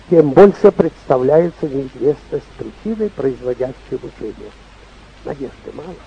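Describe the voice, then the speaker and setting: An older bishop, sixty or beyond, preaches an informal, emphatic sermon at a stand microphone on a hall stage indoors. His raspy voice is high-ish and mellow, he repeats phrases and acts out short anecdotes and dialogue, and the recording sounds muffled.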